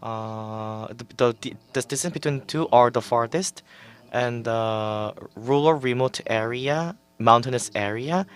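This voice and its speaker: A man gives a conference presentation over a webinar microphone at an unhurried, deliberate pace. He hesitates often, repeating words and restarting his phrases with fillers. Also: mid-range voice, a bit bright, clean tone. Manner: slow and halting, with fillers and restarts. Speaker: forum presenter.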